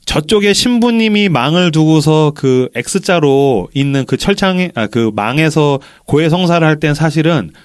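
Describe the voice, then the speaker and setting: Animated male podcast host retelling a film. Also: on the high side, unhurried, few pauses, smooth, dry recording, studio quality. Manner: animated storyteller, acts out quotes.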